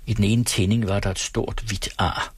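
A man narrating a novel as an audiobook in a steady, measured reading. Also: fairly low pitch, breathy edge, no echo.

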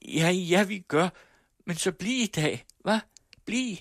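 Storybook reading: man doing a weepy young woman, high, begging, husky edge. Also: expressive, no echo, studio quality. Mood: pleading. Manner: high imploring voice. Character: young working-class woman, pleading and tearful.

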